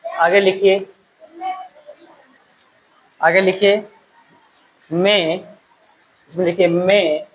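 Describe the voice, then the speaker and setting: A male teacher giving a classroom lecture, repeating key phrases slowly so students can write them down. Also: sits high, level tone, a little hiss or hum, rough recording.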